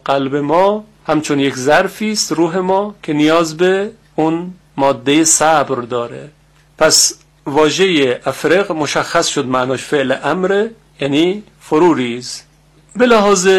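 A middle-aged man with a slightly raised voice gives a religious lesson on recitation. He speaks slowly and deliberately, repeating words carefully so listeners can copy their sounds. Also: fairly high pitch. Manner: slow, deliberate, repeats Arabic words to model pronunciation. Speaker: Quran recitation teacher.

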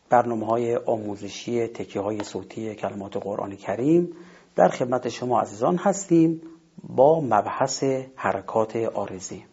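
Male recitation teacher, measured and explanatory, with a dark, mellow tone. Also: mid-range voice, creaky, breathy edge, muffled recording. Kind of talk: instructional lesson.

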